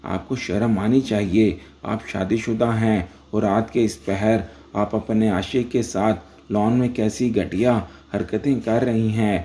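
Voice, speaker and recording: A man's voice: lowish voice, steady tone, few pauses, close to an everyday voice. A man reading as a scheming young woman. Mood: accusing. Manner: shouting accusations.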